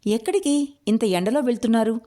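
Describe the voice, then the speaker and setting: A woman's voice: fairly high pitch, a little fast, mellow, pitched above the performer's own voice, lightly acted. A woman reading a story aloud, voicing a courteous young man back from the city. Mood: polite. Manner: courteous, respectful.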